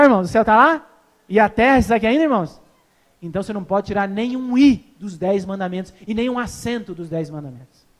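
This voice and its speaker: Man, pastor, high-pitched, evangelistic sermon, animated storytelling, questions to the congregation.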